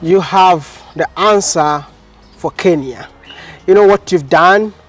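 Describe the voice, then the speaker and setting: A man's voice: high-pitched, slow, a bit bright, faint music behind. A young man hosting an interview, effusive and playful, often turning to speak to an audience. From Ghana. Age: young adult. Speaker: interviewer and vlogger host. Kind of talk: lively street interview. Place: outdoors at a housing estate.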